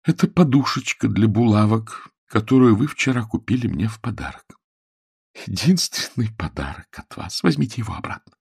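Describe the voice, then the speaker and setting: A man reading aloud and voicing an upset young woman who speaks softly in a trembling, pleading voice. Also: fairly low pitch, expressive, moderate pace, creaky, husky, voice pushed up, heavily acted. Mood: sorrowful.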